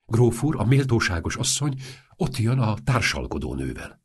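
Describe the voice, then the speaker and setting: Man acting out a brisk, urgent painter, practical and quick-witted, husky, lively, audiobook. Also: fairly low pitch, pitched above the performer's own voice, exaggerated voice.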